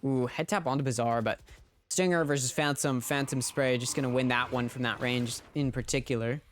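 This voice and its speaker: A man's voice: medium pitch, fairly even intonation, fairly quick, a little hiss or hum. A man streaming a watch party, giving casual play-by-play commentary on an esports match and talking straight to his chat.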